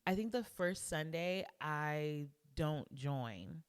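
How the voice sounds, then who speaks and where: Woman, young adult, podcast co-host, casual chat, animated storytelling, acts out quotes, smooth clear voice. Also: deep voice, takes it slowly.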